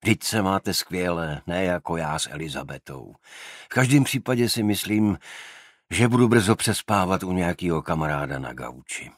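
A man's voice: sits low, expressive, no room sound. A man voicing a wry, teasing male detective in an audiobook, speaking with dry humour. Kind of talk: audiobook character voice.

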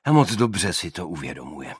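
A man's voice: deep voice, very animated, breathy edge, no room sound, studio quality, heavily acted. A man voicing a level-headed, friendly male detective in an audiobook. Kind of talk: audiobook character voice.

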